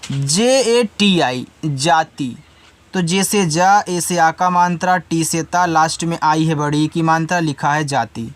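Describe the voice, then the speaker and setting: A man teaches English reading in a fairly high voice. He spells each word out letter by letter and sounds out the syllables patiently. He drops in casual asides to his students. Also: level tone, unhurried, few pauses.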